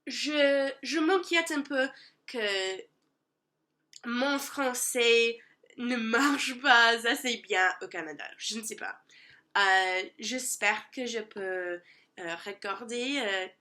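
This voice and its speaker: Young American woman, English native, unhurried learner vlog, hesitant and self-correcting, fairly high voice. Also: sharp tone. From United States. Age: young adult. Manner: laughs at her own slips. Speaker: vlogger. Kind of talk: casual vlog in a learned language.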